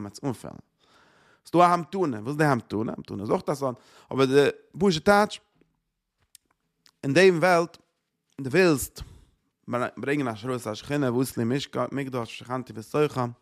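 A man's voice: medium pitch, creaky. A man teaching a Torah lecture, repeating phrases and asking rhetorical questions. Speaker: religious teacher.

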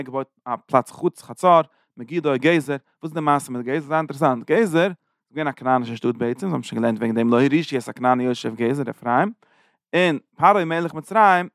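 Fast-talking gravelly male Torah teacher. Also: medium pitch, dry recording, clean studio sound. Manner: rapid, animated explaining with Hebrew terms. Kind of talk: Yiddish-inflected Torah lesson.

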